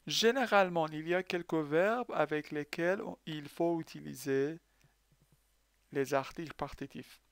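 A man teaching a French grammar lesson, speaking slowly and patiently with a slightly high, smooth voice. He asks questions and answers them himself, and his first language is Persian. The sound is close and dry. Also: no room sound.

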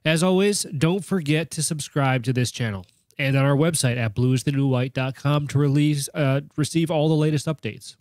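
A man's voice: fairly high pitch, moderate pace, darkish tone, no room sound, clean studio sound. A man hosting a podcast while sick, his voice nasal, with a joking, self-deprecating manner. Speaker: podcast host. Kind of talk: podcast intro.

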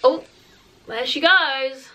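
High-pitched, bright and forceful yet slow-paced, this twenty-year-old British vlogger casually chats to camera as she gets ready, using "like" heavily. Slight background noise is audible; she's in a small room at home, roughly a metre from the camera.

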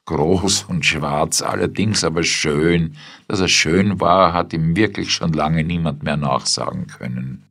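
A man's voice: very deep voice, animated, unhurried, gravelly, hardly any pauses, fairly bright tone, breathy edge, heavily acted. A man voicing an elderly general's wife who speaks unsure and distracted, in a spoken story. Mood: flustered.

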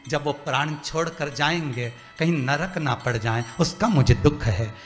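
A preacher doing a quiet grieving boy. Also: a little high, unhurried, lightly acted. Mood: sorrowful. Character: devout young boy, grieving softly. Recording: long hall reverb, faint music.

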